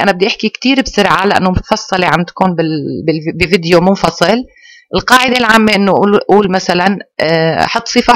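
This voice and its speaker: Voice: medium pitch, fairly bright tone, no room sound. Teacher, very dry sound. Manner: explains slowly, spelling out English phrases, direct to pupils. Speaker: English teacher. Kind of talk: online grammar lesson.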